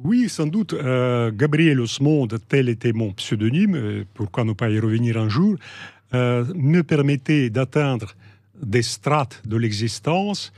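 A man's voice: medium pitch, lively intonation, darkish tone, dry recording. Russian-accented man, middle-aged, hesitant and reflective, close dry mic. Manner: measured, hesitant, many fillers and restarts. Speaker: guest, novelist. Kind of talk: reflective interview talk.

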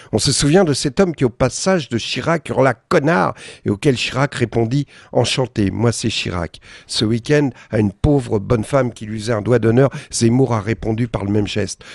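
A man's voice: medium pitch, vocal fry, darkish tone, no room sound, clean studio sound. A man delivering a satirical, indignant morning opinion column on the radio, sardonic and mocking.

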